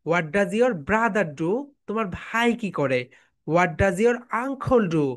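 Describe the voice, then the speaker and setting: A woman teaching English, explaining in Bengali and slowly repeating English phrases for her students to chant back. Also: medium pitch, expressive. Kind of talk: online classroom lesson.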